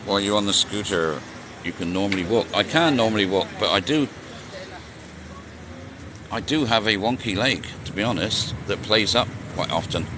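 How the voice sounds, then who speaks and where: A man in his sixties with a lowish voice and a moderate pace chats casually on a live stream while riding through city streets, joking and answering viewer questions. This vlogger's noisy outdoor recording is full of traffic and street noise.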